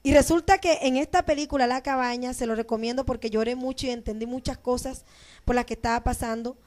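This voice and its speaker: A woman pastor preaching a sermon, moving between loud proclaiming and soft, emotional storytelling. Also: high voice, steady tone, quick pace. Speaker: pastor and teacher.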